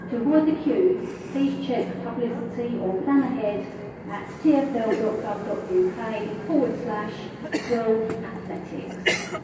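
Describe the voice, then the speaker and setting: Brief: woman, formal station loudspeaker announcement, very echoey, distant, with clear platform noise. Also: on the high side, a little slow. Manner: clear, formal, informative delivery. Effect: train station loudspeaker announcement. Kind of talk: recorded public announcement. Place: train station concourse. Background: station bustle and trains.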